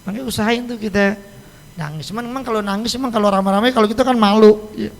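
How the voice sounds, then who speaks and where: A man with a Jakarta Betawi accent preaches a relaxed sermon, joking and chatting with his congregation. His voice sits high for a man and has a gravelly, creaky edge. The sound rings out in the long reverb of a mosque hall. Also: fast talker. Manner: chatty and joking, laughs at his own stories. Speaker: Islamic cleric teaching a weekly study circle. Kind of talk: casual sermon on a religious book.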